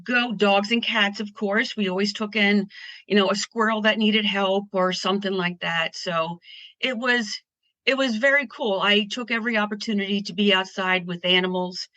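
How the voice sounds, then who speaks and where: A woman's voice: mid-range voice, normal speed, pushed and bright, no room sound, dull audio. A woman from Pennsylvania chatting as an interview guest, upbeat and rambling with restarts. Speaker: guest artist. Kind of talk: casual interview chat.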